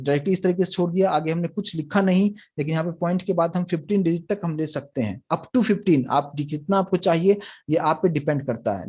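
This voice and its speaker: Young guy teaching coding, kinda high husky voice, explains step by step, asks "right?" a lot. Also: dull audio. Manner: explains step by step, often checks understanding with tag questions. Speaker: programming teacher. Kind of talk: recorded Hindi lecture on Java.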